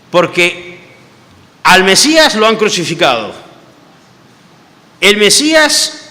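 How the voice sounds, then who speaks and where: An older man with a Uruguayan Spanish accent preaches a sermon, retelling a story with lively, stammering restarts. His voice sits slightly high and very bright. A long church reverb hangs behind him.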